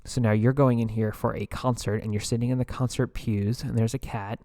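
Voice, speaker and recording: A man's voice: mid-range voice, steady tone, fairly quick, dark tone, no echo, studio quality. A man hosting a podcast, chatting casually in a rambling way as he reviews theme park rides, with frequent filler words and asides. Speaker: podcast host.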